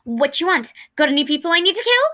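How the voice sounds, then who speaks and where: Girl doing a gleeful chaotic guy, gory jokes tumbling out, high bright voice. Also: lively intonation. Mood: manic. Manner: blurts rapid gory jokes, stumbling. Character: manic gleeful young man, morbid and chaotic. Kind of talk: fan fiction read aloud.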